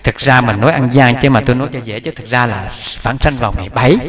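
A Buddhist preacher with a fast, mid-range voice delivers a sermon, telling a story conversationally, restarting repeatedly and adding chuckling asides.

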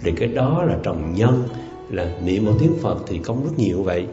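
A man's voice: on the low side, very animated, moderate pace. A man giving an earnest, emphatic Buddhist dharma talk, often repeating words as he explains. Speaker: Buddhist teacher. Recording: roomy, dull lo-fi sound with faint music.

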